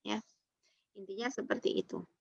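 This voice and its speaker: A woman's voice: medium pitch, huge pitch swings, moderate pace, creaky, breathy edge, no room sound. A woman lecturer giving an online accounting class, patient, walking through each step and checking if students understand. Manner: patient, explains step by step, tags lines with "ya" and "gitu". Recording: dull lo-fi online call audio.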